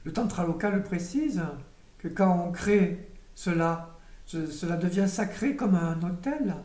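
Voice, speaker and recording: A woman giving a spiritual teaching in a calm, measured, meditative way, with occasional hesitations. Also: on the low side. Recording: roomy echo, voice from a distance.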